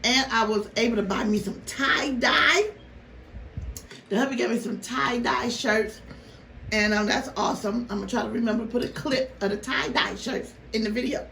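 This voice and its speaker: A woman vlogger telling a story casually to her viewers, animated and exasperated, with rhetorical questions. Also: on the high side, normal speed, gravelly. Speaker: mukbang vlogger. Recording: roomy, noisy, distant microphone.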